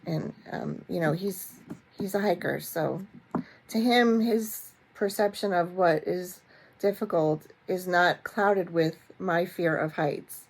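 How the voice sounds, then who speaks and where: A woman hosting a vlog, telling a story to camera in a chatty, animated way with many fillers and restarts and a self-mocking sense of humor. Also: lowish voice, slow. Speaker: vlog host. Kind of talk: casual storytelling chat to camera.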